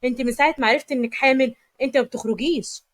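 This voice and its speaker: Brief: woman voicing a scheming Egyptian mother-in-law, storybook read, quick and bright-pitched. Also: lightly acted. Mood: coaxing. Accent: Egyptian Arabic. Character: scheming older mother-in-law, sly and coaxing.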